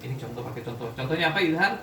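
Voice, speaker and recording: A man with a mid-range voice races through a classroom Quran recitation lesson in an animated way, quizzing students often and checking their understanding. His voice is distant in an echoey room, with faint background noise.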